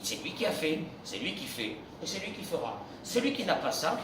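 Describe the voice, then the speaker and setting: A man, a rabbi, preaching a lively sermon, acting out everyday exchanges and breaking into shouts. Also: a little high, a little fast, noisy background. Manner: animated, acts out dialogues, bursts into shouts. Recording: echoey room from far off.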